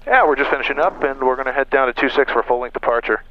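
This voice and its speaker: A man with a medium-pitched voice gives a flight lesson from a small airplane cockpit. He works methodically through checklists and explains each step, with clear engine noise around him. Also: quick pace, lo-fi sound. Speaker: pilot instructor.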